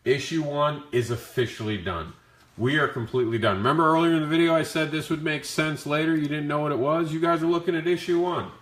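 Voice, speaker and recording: A man with a rough, growly voice from the flu, talking casually as he hosts a question-and-answer stream about his creative work. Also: fairly high pitch, fairly even intonation, fast talker, fairly bright tone. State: sick with the flu. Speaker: comic creator hosting a Q&A. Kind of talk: casual livestream Q&A talk. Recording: echoey, roomy sound.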